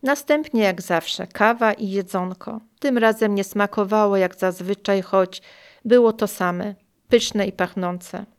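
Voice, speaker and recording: An older woman reads her personal memoir aloud at an unhurried, deliberate pace. Her voice is smooth and clear, and her delivery is calm, measured and quietly emotional. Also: medium pitch. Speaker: memoir narrator.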